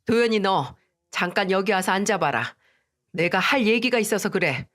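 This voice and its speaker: A woman's voice: medium pitch, normal speed, fairly bright tone, lightly acted. A woman voicing a stern older mother-in-law who firmly scolds her daughter-in-law in a read-aloud family drama story. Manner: scolding, firm.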